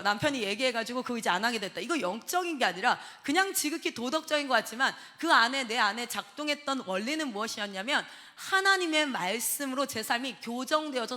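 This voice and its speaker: A woman missionary preaches with a high, bright, ringing voice. She tells her stories vividly and acts out each line of dialogue. The sound carries a long reverb from a large hall. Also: brisk, few pauses. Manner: lively storytelling that acts out dialogue. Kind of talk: sermon.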